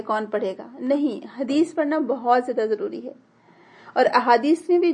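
A woman's voice: high voice, darkish tone. Earnest woman teaching a religious class. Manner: earnest, explanatory, urging.

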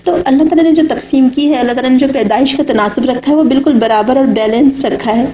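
A woman's voice: high voice, warm tone. A woman giving an Islamic lecture, speaking in an earnest, exhorting way. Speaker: religious speaker. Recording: echoey room.

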